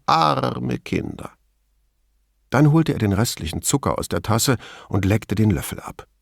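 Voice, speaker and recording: A man narrating an audiobook in a measured, expressive storytelling manner. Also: fairly low pitch, creaky, slightly rough, dry recording, clean studio sound. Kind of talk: scripted narration.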